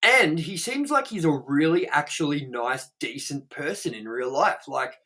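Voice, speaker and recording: Slightly high and sharp in tone, his expressive voice moves at normal speed. This young movie review co-host reads out trivia casually, rambling with blunt, profane remarks stuffed with "like."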